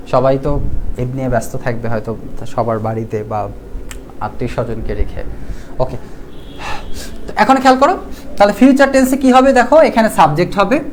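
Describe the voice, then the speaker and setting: A man with a Bangladeshi Bengali accent and a fairly high voice teaches English grammar in a live online class, with slight background noise. He asks the class questions, answers them himself, reads out viewer comments, and repeats key rules.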